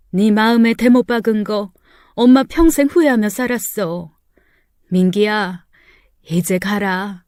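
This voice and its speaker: A woman voicing a gentle middle-aged mother who speaks softly and apologetically in a story. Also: medium pitch, no room sound, clean studio sound, pitched above the performer's own voice, natural voice. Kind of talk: storytelling narration.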